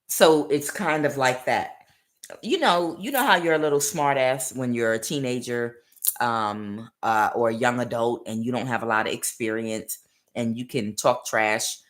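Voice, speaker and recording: Tarot reader, woman, extremely low pitch, meandering delivery with many fillers. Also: a bit bright. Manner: rambling, many "uh" fillers, acts out quoted voices. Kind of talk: spiritual tarot reading monologue.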